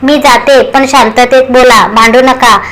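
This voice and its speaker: A woman's voice: sits high, fairly even intonation, unhurried, poor audio. Woman reading as a worried mother-in-law. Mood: soothing. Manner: anxious, gently questioning. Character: worried caring mother-in-law, middle-aged.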